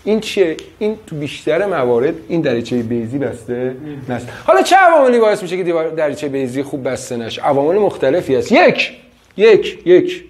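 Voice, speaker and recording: A man's voice: on the high side, very animated. A man giving a classroom lecture, quizzing his students with frequent questions.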